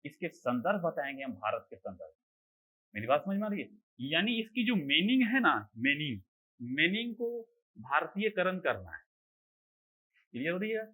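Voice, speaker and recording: Male teacher, online class, bright sharp voice a bit high, keeps asking "you get me?" then answers himself. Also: very animated, moderate pace, poor audio. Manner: explains by asking questions and answering them himself; keeps checking that students understand. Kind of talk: online exam-prep lecture.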